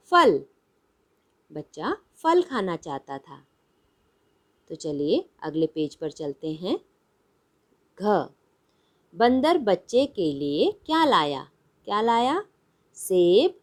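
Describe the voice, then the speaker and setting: Slow, patient woman teacher. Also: fairly low pitch. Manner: patient, drills words one by one and repeats them. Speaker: primary school teacher. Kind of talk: slow Hindi lesson for young children.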